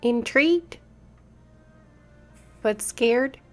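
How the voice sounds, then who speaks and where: A woman voicing tiny pixie-like talking forest leaves in a tabletop game, speaking in halting single words. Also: on the high side, soft background music, pitched above the performer's own voice. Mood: hushed reporting.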